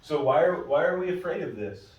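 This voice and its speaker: A man's voice: a little high, expressive, a little fast, muffled recording, a little hiss or hum. A man, a pastor, leading a casual church Bible study as a conversational storyteller with frequent restarts. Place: church meeting room. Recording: roomy room, mic at a distance.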